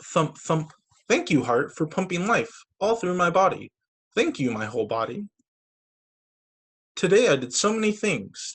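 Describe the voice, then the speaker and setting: This story time teacher, a man on a video call, reads picture books to children in a lively, sing-song way, dropping in brief asides. His voice is fairly high and slightly rough.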